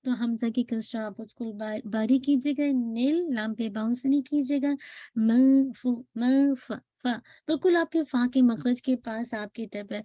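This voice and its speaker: A woman's voice: sits high, warm tone, no echo, dull audio. Patient woman teaching recitation. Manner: patient, drawn-out modelled syllables, frequent checking questions. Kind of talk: tajweed lesson, slow modelled recitation.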